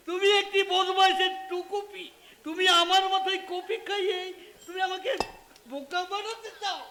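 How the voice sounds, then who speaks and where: A man's voice: extremely high pitch, pushed and bright, full character voice. A man playing a greedy, blustering middle-aged police inspector on the jatra stage, bossy one moment and weepy the next. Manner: blustering, bribe-hungry, turns weepy and maudlin. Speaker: stage actor. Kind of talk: Bengali jatra stage acting. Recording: live stage recording with music.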